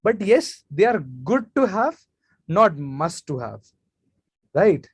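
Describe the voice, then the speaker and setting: A man's voice: high voice, very animated, slow, slightly rough, no echo. A man, speaking casually as a guest speaker in a live online session and answering questions from the chat. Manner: casual, chatty, off-the-cuff advice.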